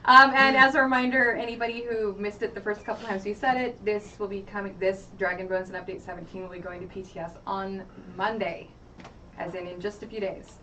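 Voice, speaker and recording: A woman's voice: mid-range voice, fairly even intonation, brisk, sharp tone. A woman co-hosting a livestream, friendly as she thanks viewers and gives reminders. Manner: friendly, wraps up the show. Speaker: livestream co-host. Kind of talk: casual livestream chat with announcements. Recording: distant mic with faint room noise.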